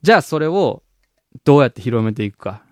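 A man's voice: mid-range voice, quick pace, no echo, studio quality. Laid-back man with a Kansai lilt. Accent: Kansai-style dialect. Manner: relaxed, laughs often. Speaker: band member, radio co-host. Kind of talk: casual radio chat.

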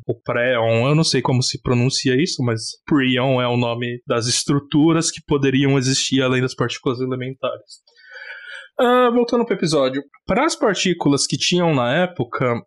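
A young man with a Brazilian Portuguese accent, a theoretical physicist co-hosting a casual science podcast, joking, swearing and sounding mock-exasperated. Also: mid-range voice.

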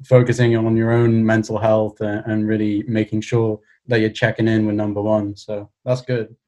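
A man's voice: on the low side, flat delivery, moderate pace, mellow. A young man with a Cardiff Welsh accent, chatting casually as an interview guest in a hesitant, understated way. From Cardiff, Wales. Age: young adult. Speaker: podcast guest, cartoonist.

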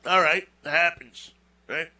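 A man's voice: a little high, fairly even intonation, measured pace, sharp tone. A man hosting a show, telling a personal story in a casual, rambling monologue with folksy asides and repeated words. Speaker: show host.

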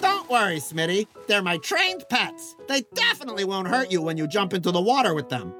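A woman's voice: mid-range voice, very animated, fairly quick, a bit bright, soft background music. A woman voicing an eager carnival-barker showman who co-hosts a children's story comedy, with showy, sing-song sales patter. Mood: gleeful showman. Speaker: co-host of a kids' story show.

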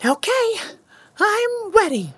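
A woman voicing a small, timid baby chick in a cartoon storybook, squeaky and pleading. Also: sing-song, slow, a bit bright, dry recording, full character voice. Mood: grateful.

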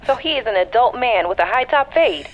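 A playful young friend on a phone call, acted by a woman, with a fairly high voice that swoops around. She sounds dull and tinny, as if heard through the phone. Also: fairly quick, slight background noise, lightly acted. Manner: teasing, animated.

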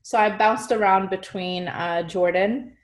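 A woman's voice: medium pitch, steady tone, measured pace. A woman talking casually as an interview guest, chatty and full of fillers. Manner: chatty, fillers like "like" and "you know". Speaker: music marketing guest.

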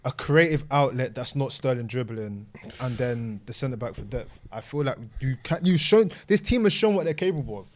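A man's voice: medium pitch, expressive, normal speed, hardly any pauses. A man with an urban London accent hosting a casual football debate, emphatic and repeating his phrases to make the point. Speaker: host of a football discussion panel.

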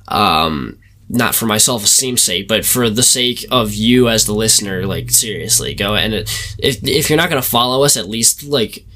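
A man co-hosting a casual podcast, talking in a rambling, joking way with lots of fillers, his voice gravelly and a bit hoarse. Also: on the low side, sharp tone. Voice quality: gravelly, smoker-like voice. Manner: rambling, self-mocking, full of fillers. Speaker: podcast co-host.

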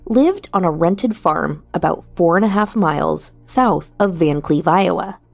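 Female sleep story narrator, soft and soothing, mid-pitched with noticeable vocal fry, music underneath. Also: no room sound. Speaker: podcast host and narrator. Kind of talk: sleep story narration, scripted true crime bedtime storytelling.

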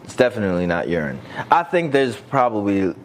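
A man from Detroit hosting a casual, frank chat in a slangy, jokey, expressive way. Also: fairly low pitch, a little fast, slight background noise. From Detroit, United States. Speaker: host.

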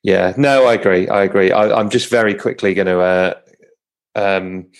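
A man's voice: low voice, normal speed. A man with a Home Counties English accent hosting a casual sports chat, often repeating and correcting himself. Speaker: podcast host.

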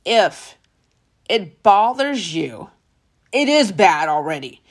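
A woman hosting a motivational podcast, telling stories in an animated way and calling the listener honey and darling. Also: mid-range voice, takes it slowly. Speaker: podcast host.

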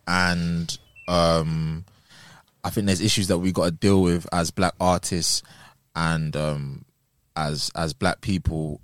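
Male interview guest, London roadman accent, deep and dry-sounding, slang-heavy and conversational. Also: clear, resonant tone, dry recording. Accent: London, urban street style. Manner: heavy street slang, frequent check-in tags. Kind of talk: casual interview chat.

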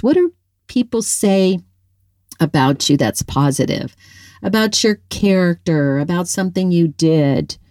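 Slow, encouraging middle-aged woman speaker. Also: on the low side, mellow, no room sound, clean studio sound. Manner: upbeat and encouraging, laughs often; addresses the listener directly. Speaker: author and motivational speaker. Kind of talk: motivational talk to women.

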